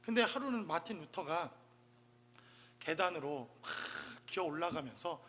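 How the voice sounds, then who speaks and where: A man's voice: on the high side, animated, measured pace, fairly bright tone. A male pastor delivering a Sunday sermon, asking the congregation rhetorical questions as he preaches.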